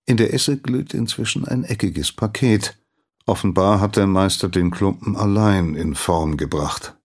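Male narrator for a documentary story, very deep and slow, with a husky, gravelly grain. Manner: measured, storytelling. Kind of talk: scripted narration.

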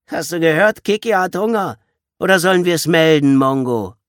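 A man's voice: a little high, lively intonation, moderate pace, no echo, clean studio sound, pitched above the performer's own voice, lightly acted. A man reading an audiobook, voicing a pimply teenage boy who jeers and taunts. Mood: jeering. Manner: jeering, grinning.

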